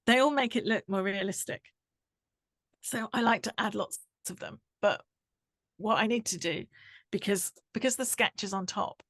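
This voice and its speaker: A woman, explaining a drawing tutorial step by step while she works, her voice going hoarse. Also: mid-range voice, a bit bright, dry recording, clean studio sound. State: losing her voice. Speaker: art tutor.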